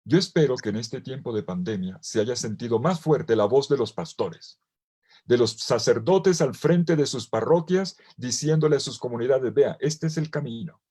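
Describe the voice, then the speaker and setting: A priest preaching a sermon at a virtual retreat, acting out the quoted lines with dramatic emphasis. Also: male voice, mid-range voice, lively intonation, normal speed, warm tone, breathy edge.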